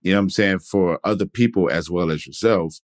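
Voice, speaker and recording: A podcast host with a low voice asks questions fairly quickly in a loose, conversational interview, often tossing in "you know what I'm saying." The recording is dry, with clean studio sound.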